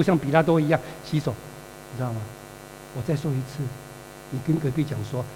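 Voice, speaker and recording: High-voiced man preaching in a reverberant hall. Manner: animated storytelling, calls for congregation responses. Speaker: pastor. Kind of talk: sermon. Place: church hall. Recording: reverberant hall with mains hum.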